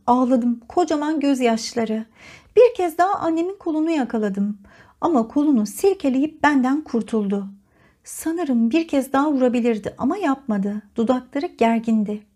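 Woman reading an audiobook, high mellow voice, really dramatic and emotional delivery. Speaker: audiobook narrator. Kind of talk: expressive audiobook narration.

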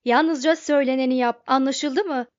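A woman voicing a brash, impatient man who shouts his orders. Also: high-pitched, fairly even intonation, measured pace, smooth. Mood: shouting. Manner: shouting, brusque. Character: cocky, loud, impatient young man. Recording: dull, dry lo-fi recording.

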